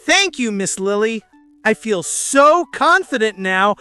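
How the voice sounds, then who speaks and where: An eager, cheerful young schoolboy, acted by a woman in a kids' audio lesson, with a high voice that leaps up and down. He talks slowly and brightly, with faint music underneath. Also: sing-song, clear, resonant tone, exaggerated voice. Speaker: student.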